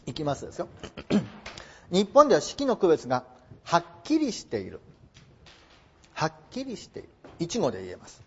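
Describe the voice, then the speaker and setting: A man's voice: high-pitched, a little mellow, dull audio, a little hiss or hum. A man teaching English translation in a lecture, mixing formal polite phrasing with playful joking asides.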